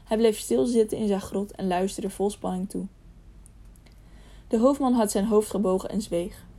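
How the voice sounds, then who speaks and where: A woman narrating a storybook audiobook in a steady reading voice, now and then slipping and restarting a word. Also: mid-range voice, normal speed.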